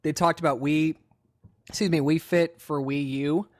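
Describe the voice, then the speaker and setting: A man co-hosting a podcast in casual chat, talking loosely and jumping up in pitch when amused. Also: steady tone, moderate pace, dry recording, studio quality. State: hiccups. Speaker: podcast co-host.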